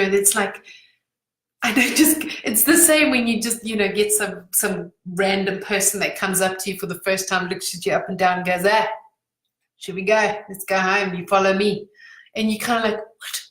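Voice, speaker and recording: A middle-aged woman giving casual advice as a business coach, chatty and acting out quick quoted voices, her voice a little worn. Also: mid-range voice, echoey room, low-quality recording. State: slightly losing her voice. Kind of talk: casual talking-head advice.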